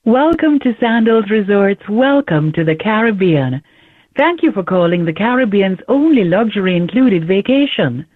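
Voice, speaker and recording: A recorded phone menu message reading out a resort greeting and menu options in a measured announcer delivery. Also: mid-range voice, lively intonation, no echo. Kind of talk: automated greeting and menu prompts. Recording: tinny phone line.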